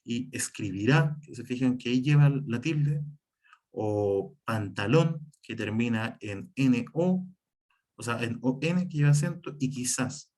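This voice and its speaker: A man's voice: medium pitch, animated, measured pace, a little mellow. Man explaining spelling rules in a class. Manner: explanatory, repeats "por ejemplo" and "en este caso", some restarts. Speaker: teacher. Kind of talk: online class lecture on writing and spelling.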